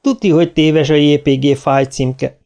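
A man voicing a young female crew programmer, quick and eager. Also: on the high side, fairly even intonation, a little mellow, clean tone, pitched above the performer's own voice, close to an everyday voice. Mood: helpful.

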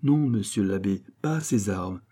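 A man's voice: fairly low pitch, lively intonation, unhurried, dark tone, husky. A man voicing a wheedling young villager. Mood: sly. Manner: wheedling, mock-polite. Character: naive, sly young village man, pleading.

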